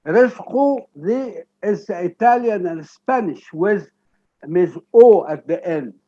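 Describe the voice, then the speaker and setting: A man with an Egyptian Arabic accent giving an academic lecture, explaining deliberately and checking in with "okay?". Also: high-pitched, expressive, warm tone, highs cut off.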